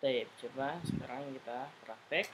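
A man's voice: mid-range voice, moderate pace, background noise. A man teaching an Arabic class, patiently drilling pronunciation and tagging sentences with "gitu, ya". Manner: patient, repeats "gitu, ya" tags. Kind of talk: online class instruction.

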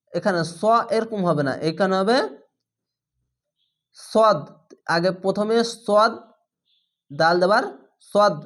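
A man teaching a Quran recitation lesson. He spells each word letter by letter, recites it slowly and drawn out, and patiently repeats the rules, sometimes quizzing the viewer. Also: sits high, fairly bright tone.

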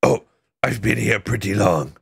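Man doing a creaky, gloomy demon girl. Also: lowish voice, animated, unhurried, fairly bright tone, dry recording, full character voice. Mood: musing. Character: gloomy, self-deprecating, lonely young demon woman. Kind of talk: improvised video game dub.

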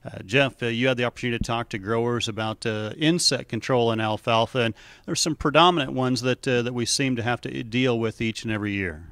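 A man hosts a farm news interview with a brisk, practiced broadcaster delivery. His voice is mid-pitched and recorded dry and close on a handheld mic, without room echo. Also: fairly bright tone, smooth. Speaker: farm radio director and correspondent. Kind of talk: interview hosting. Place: office with windows and plants, indoors.

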